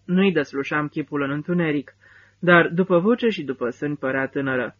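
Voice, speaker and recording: A man reading a first-person literary novel as an audiobook narrator, with measured, steady phrasing. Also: fairly high pitch, muffled recording.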